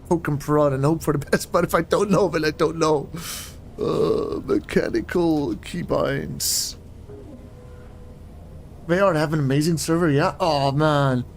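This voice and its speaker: A young man with a high, light voice chats and rambles to his viewers while he plays, often talking himself into confusion. A faint low rumble sits under his desk microphone. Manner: chatty, rambling, easily puzzled. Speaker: game streamer. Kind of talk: casual live-stream chat while playing.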